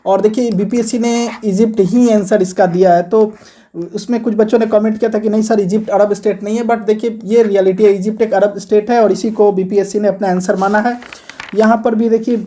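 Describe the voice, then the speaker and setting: A man's voice: high voice, warm tone. A man teaching an exam-preparation video lesson, explaining answers one point at a time in a conversational way.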